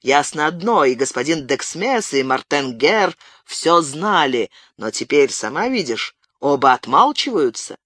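A man's voice: a little high, very animated, a little slow, few pauses, no echo, heavily acted. A man playing a stern, angry townsman. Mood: bitter. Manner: stern, clipped and forceful. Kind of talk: audiobook character voice.

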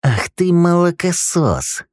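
Man doing a shrill fat gang boss. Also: very animated, moderate pace, no echo, clean studio sound. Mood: hissing furious. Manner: shrill, insulting, yelling.

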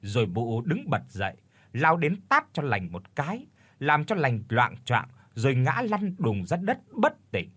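A man narrating a ghost story in a dramatic, expressive way. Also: fairly high pitch, a little slow, dry recording.

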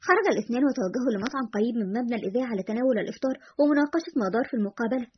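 Rapid, breathy woman storyteller. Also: on the high side. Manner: reads narration and voices the characters' dialogue. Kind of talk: dramatic story reading. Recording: dull lo-fi recording.

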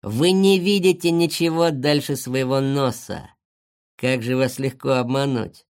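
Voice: mid-range voice, darkish tone, clean tone, close to an everyday voice. A reader as a sneering animal villain. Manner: slow, taunting, sneering delivery. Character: scheming male animal villain, mocking.

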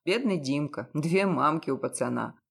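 A woman voicing a cynical, self-assured male private detective who talks down with mocking calm. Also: low-pitched, creaky, slightly rough, voice pushed down, full character voice. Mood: mocking lecture. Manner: mocking, condescending, unhurried.

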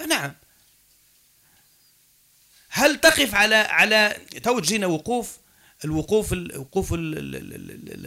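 A man with an Algerian Arabic accent lectures a classroom. His voice sits high for a man and sounds bright and forceful. He switches between dialect and formal Arabic and checks his students with questions as he explains. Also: vocal fry. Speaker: teacher.

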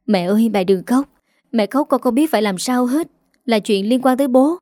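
A woman voicing a young office-worker daughter, soft and pleading with her mother. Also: a little high, moderate pace, dry recording, studio quality, close to an everyday voice. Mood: worried.

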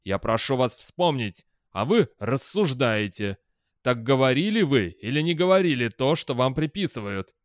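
A man voicing a stern male council chairman who speaks slowly and weightily in an audiobook. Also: mid-range voice, big pitch swings, dry recording, studio quality, natural voice. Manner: slow, weighty, commanding.

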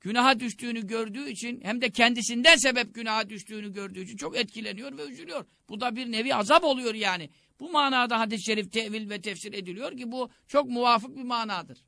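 A man's voice: very high voice, quick pace, gravelly, few pauses, sharp tone, no echo. A man preaching a religious sermon, urging listeners with rising emphatic exhortations.

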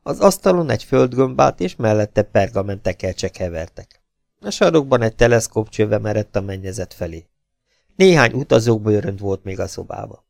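A man narrating an audiobook at a steady, measured pace, his voice livening up for dialogue. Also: lowish voice, creaky, no room sound, clean studio sound. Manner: steady, measured reading with lively shifts for dialogue. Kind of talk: scripted narration of a wartime spy novel.

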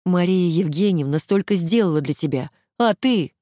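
A woman voicing an emotional, sharp-tongued young woman who speaks in an agitated, reproachful way. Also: on the low side, animated, normal speed, dry recording, clean studio sound.

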